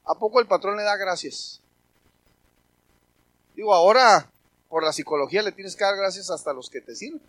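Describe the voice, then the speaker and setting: A male pastor, preaching a sermon with sudden loud emphatic bursts. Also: high-pitched, normal speed, long pauses, no room sound, poor audio.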